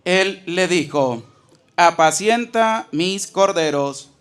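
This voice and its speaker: A man reading Bible passages aloud in a measured, deliberate way. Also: high-pitched, animated, fairly bright tone, smooth. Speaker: scripture reader.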